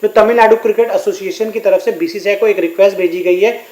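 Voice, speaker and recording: A man's voice: high-pitched, steady tone, fast, warm tone. Male sports reporter in an echoey room. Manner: detailed, explanatory reporting. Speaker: sports correspondent. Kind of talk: news discussion reporting.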